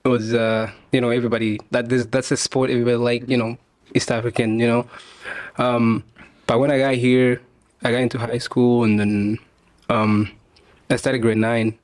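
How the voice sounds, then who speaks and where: Medium in pitch and speaking at a normal speed, this young man from Tanzania is a relaxed podcast guest in casual interview chat. He laughs often and says "you know" a lot. There's no room sound.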